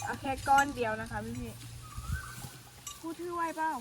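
A young woman in a brisk, chatty vlog, her voice sitting a little high as she talks politely to her viewers. She is filming on a phone outdoors at a cattle pen in the forest, and heavy outdoor noise and nearby cattle nearly swamp her words. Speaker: vlogger. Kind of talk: casual vlog tour.

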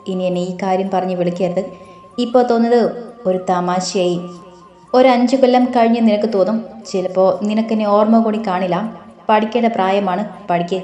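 Stern middle-aged male cop, read by a woman, firm and cold, warm roomy sound. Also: mid-range voice, natural voice. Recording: roomy echo.

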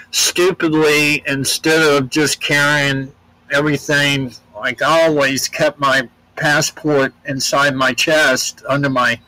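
An older man from the United States, a guest in an interview, rambles through travel stories in a relaxed, plainspoken way, often restarting his sentences. His voice is fairly high and sharp. The recording is low quality with no echo.

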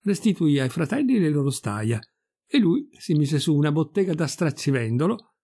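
A man reading a folk fairy tale aloud with expressive storytelling. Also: fairly high pitch, moderate pace, breathy edge, no echo, clean studio sound. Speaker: reader.

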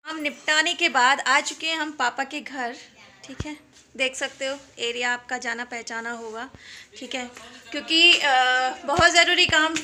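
A young woman talks casually through her daily vlog, addressing viewers directly and chatting as she goes. Her voice sits high and sounds bright and clear. A faint noise runs underneath the recording. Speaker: vlogger. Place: indoors at home and out on errands.

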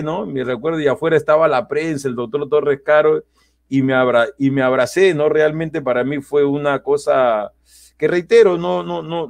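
A man, telling a personal story in casual chat, animated and acting out quotes with many restarts. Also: on the high side, creaky. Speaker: guest.

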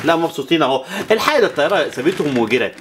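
Speaking very fast in a low, sing-song voice over background noise, this woman hosts a toy channel. She has an Egyptian Arabic accent and addresses viewers as she plays with toys next to a child, counting out loud and adding whooshing noises.

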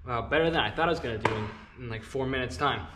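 A young man hosting a glove channel talks casually to the camera in a vlog, out of breath as he shows viewers how to do something. He speaks fast at medium pitch, calling his viewers "guys," with a noisy background behind him.

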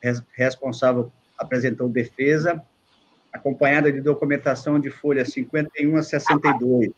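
A man's voice: medium pitch, fairly even intonation, fairly quick. Councilor guy reading out a report, stops and restarts, muffled call sound. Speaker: rapporteur councilor. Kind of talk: reading a formal case report and vote. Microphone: video call.

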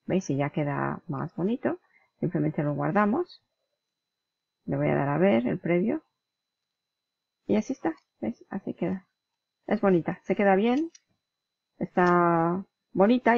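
Lady from doing a screen tutorial, chatty step by step, pretty dry dead sound, a bit of fry. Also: medium pitch, animated, unhurried, pauses often, no echo. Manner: chatty, explains step by step, mimics clicks and flips aloud. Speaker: tutorial host. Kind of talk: screen-recorded software tutorial. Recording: dull lo-fi dry recording.

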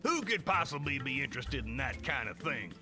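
An actor playing a fatherly, folksy middle-aged boar mechanic in a video game, speaking with gruff teasing warmth. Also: medium pitch, very animated, fairly quick, music in the background, lightly acted. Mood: scoffing.

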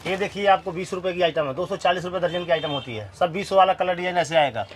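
Shop guy listing prices nonstop, quick and high-pitched, small cramped store. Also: a little hiss or hum. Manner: reels off prices in a steady patter. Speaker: wholesale shopkeeper. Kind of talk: rapid sales price listing. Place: small crowded cosmetics shop, indoors.

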